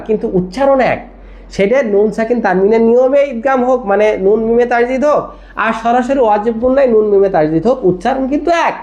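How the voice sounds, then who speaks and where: The audio is lo-fi, and the teacher's voice is medium in pitch with a darkish tone. In this tajweed lesson, words get spelled out letter by letter and drilled, and the listener is asked frequent check-in questions.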